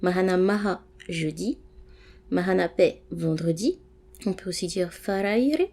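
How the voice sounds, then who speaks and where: A woman's voice: lowish voice, expressive, creaky, warm tone, slightly rough. A woman giving a casual language lesson, reading out word lists and glossing each item, friendly and encouraging, with frequent fillers. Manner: reads word lists with French glosses, pausing between items. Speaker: language teacher.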